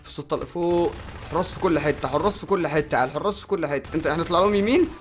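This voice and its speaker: A young man with an Egyptian Arabic accent hosting a game video, giving excitable commentary, shouting orders and cheering his teammate on. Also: a little high, rapid-fire, a little hiss or hum. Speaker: gaming channel host.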